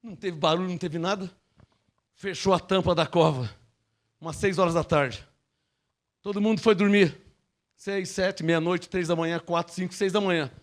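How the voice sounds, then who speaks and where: Man, pastor preaching, very high voice, acts out bible scenes. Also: fairly even intonation, moderate pace, pauses often. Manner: preaching with acted-out Bible dialogue. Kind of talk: sermon.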